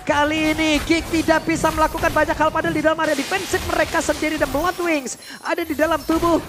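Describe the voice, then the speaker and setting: An Indonesian man calls play-by-play as an excitable esports caster. His voice is extremely high and he talks quickly, with music clearly behind him.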